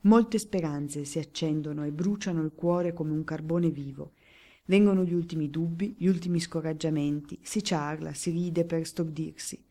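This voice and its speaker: A woman narrating a classic novel for an audiobook, reading in a measured, expressive way. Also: low voice.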